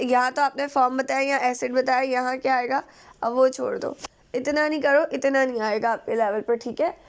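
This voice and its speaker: A woman teaching a recorded chemistry lesson, patiently asking questions and answering them herself, repeating key terms slowly. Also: high-pitched, a little mellow. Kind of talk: recorded lesson explaining to students.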